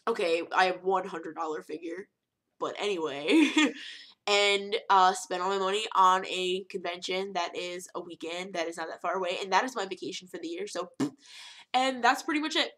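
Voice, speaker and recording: A young woman talking casually to camera in a vlog, animated and rambling, with emphatic rhetorical questions. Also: fairly low pitch, moderate pace. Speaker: vlogger.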